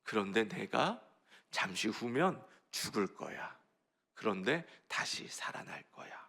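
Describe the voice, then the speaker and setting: A male pastor voicing a gentle teacher speaking intimately to his followers, in a gravelly voice. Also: on the low side, lively intonation, measured pace, pitched below the performer's own voice, heavily acted. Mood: earnest.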